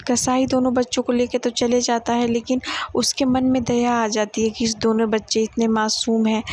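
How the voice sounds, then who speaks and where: Woman storyteller, kinda high voice, flat even delivery, telling an old moral tale like she's just talking. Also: creaky. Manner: plain conversational telling with repeated phrases for emphasis. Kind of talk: informal oral storytelling of a moral folk tale.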